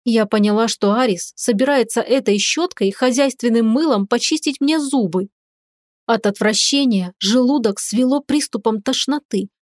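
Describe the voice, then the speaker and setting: A woman reads a first-person romance audiobook with expressive, dramatic narration. Her voice sits a little high, and the close, dry recording has no echo. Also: moderate pace. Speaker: audiobook reader.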